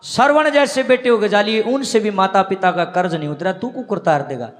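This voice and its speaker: A man's voice: high-pitched, normal speed, lightly acted. A man with a Haryanvi accent voicing a patient, wise village mother in a devotional story. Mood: tender, lecturing. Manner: earnest storytelling cadence. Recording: long reverb in a large hall.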